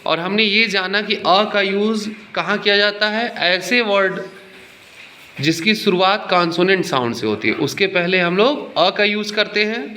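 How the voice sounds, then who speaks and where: Man, teacher, repeats and quizzes students, high voice. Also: reverberant, background noise. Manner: explains slowly, repeats points, quizzes students. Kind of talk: classroom teaching in Hindi and English. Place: classroom.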